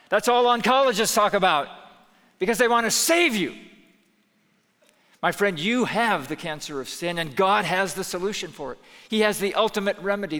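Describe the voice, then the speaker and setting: A man preaching a sermon as pastor, earnest, moving between hushed pleading and raised intensity. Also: fairly high pitch, long reverb tail. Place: church sanctuary.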